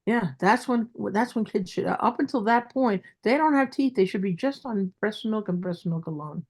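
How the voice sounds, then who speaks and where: A woman's voice: mid-range voice, animated, normal speed, darkish tone. A woman with a Brooklyn accent speaking as a dentist guest in an interview, emphatic and repeating phrases for stress.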